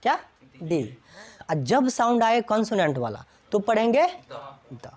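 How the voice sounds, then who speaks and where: A woman teaches an English grammar lesson in a classroom. Her voice sits somewhat high and swings widely in pitch as she keeps quizzing her students. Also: big pitch swings, fairly quick, darkish tone. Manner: asks students constant check questions.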